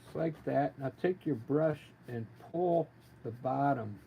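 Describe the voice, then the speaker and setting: Gentle painting teacher guy, kinda gravelly voice, chatting through a livestream tutorial, bit of noise behind him. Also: medium pitch, slow, dull audio. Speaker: painting instructor, livestream artist. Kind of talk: casual live painting tutorial. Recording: noticeable background noise, live stream.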